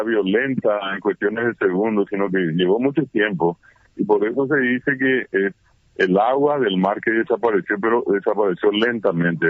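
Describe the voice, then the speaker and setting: A man's voice: fairly low pitch, no echo. A man as a radio interview guest, explaining at length with many fillers and restarts. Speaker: guest, Guarani scholar. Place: at home during heavy rain. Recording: tinny phone line.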